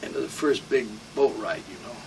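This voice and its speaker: A man's voice: mid-range voice, moderate pace, gravelly. An elderly American man, a war veteran, remembering his service in a rambling, salty, informal interview. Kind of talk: informal oral-history reminiscence. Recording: distant mic with room hum.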